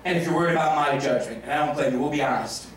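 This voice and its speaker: A man's voice: medium pitch, very fast, distant mic, slight background noise. Brash stage hypnotist man in echoey room. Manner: brash, joking and profane with volunteers. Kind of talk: live stage show patter. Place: stage in a large room before an audience. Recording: very echoey live room, captured from afar.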